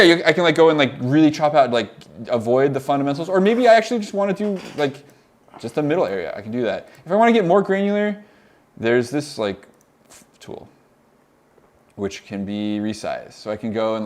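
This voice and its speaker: On a live stream, a young audio mentor with a Californian accent casually walks through audio software at a moderate pace in a mid-range voice. He rambles with excitement, full of laughs and frequent "like"s.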